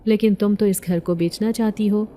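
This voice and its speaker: A woman's voice: mid-range voice, steady tone, dark tone, natural voice. Woman reading as a cold secretive old woman.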